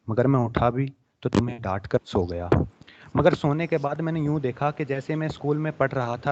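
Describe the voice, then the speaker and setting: A young man reciting his own emotional poem at a student poetry competition, his voice swelling with feeling and then dropping to soft, hushed passages. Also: medium pitch, slight background noise. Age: young adult. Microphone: online webinar microphone. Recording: dull lo-fi webinar audio.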